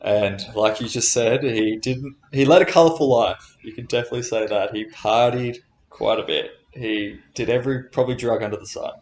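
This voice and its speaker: A man's voice: mid-range voice, normal speed, few pauses, a little mellow. A man chatting casually on a podcast as a new member, with a playful, joking manner. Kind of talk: casual chat. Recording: roomy, echoing sound.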